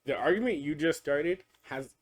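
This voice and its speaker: A man's voice: fairly high pitch, expressive, moderate pace. A young man co-hosting a podcast, explaining relationship advice earnestly in casual chat with some swearing. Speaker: podcast co-host.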